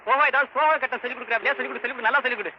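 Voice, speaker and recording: An actor playing a brisk, demanding father who pushes for his actress daughter in a 1960s film comedy. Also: very high-pitched, steady tone, a little hiss or hum. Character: pushy, protective older father of an aspiring actress. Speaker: heroine's father. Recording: dry lo-fi old film soundtrack.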